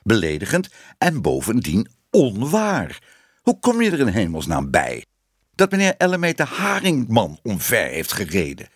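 A man's voice: lowish voice, huge pitch swings, normal speed, slightly rough, dry recording, clean studio sound, full character voice. A man reading a storybook and voicing a nervous, stammering male newspaper editor. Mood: stern.

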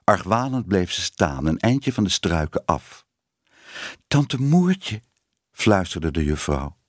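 A man reading a children's story aloud with an expressive, lingering storyteller delivery. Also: deep voice, unhurried, no echo, clean studio sound. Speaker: audiobook narrator.

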